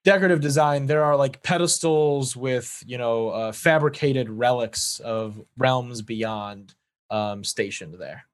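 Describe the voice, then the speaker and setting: A man's voice: mid-range voice, unhurried. Laid-back male game master. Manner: laid-back, filler-heavy. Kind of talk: narrating a tabletop game.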